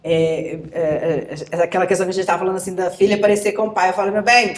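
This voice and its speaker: A woman's voice: fairly low pitch, fairly even intonation, very fast. A woman hosting an interview, chatting conversationally and speaking as if to mothers at home. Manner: warm, conversational, laughing asides to mothers at home. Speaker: host. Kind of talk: friendly interview chat. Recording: echoey room.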